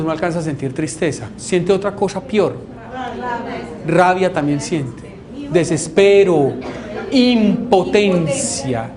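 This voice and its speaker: A man's voice: high voice, a little mellow. A man with a Colombian accent, a doctor giving an informal lecture on depression. He is wry and conversational and keeps checking in with the audience. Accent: Colombian Spanish.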